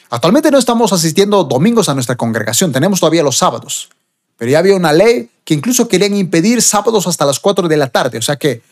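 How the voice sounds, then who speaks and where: A preacher from Bolivia, giving a sermon and reading scripture verses with rising emphasis. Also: mid-range voice.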